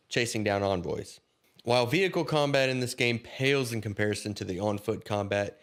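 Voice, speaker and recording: A man's voice: medium pitch, fairly bright tone. A man reading a scripted game review, casually addressing viewers directly.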